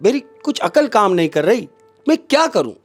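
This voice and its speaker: A man's voice: high-pitched, big pitch swings, normal speed, faint music behind, pitched above the performer's own voice. A man voicing a confused young husband who asks exasperated questions. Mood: flustered.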